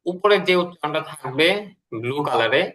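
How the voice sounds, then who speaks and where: A man teaching an English lesson to a student, patient and explanatory, repeating key words slowly. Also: fairly high pitch, fairly bright tone.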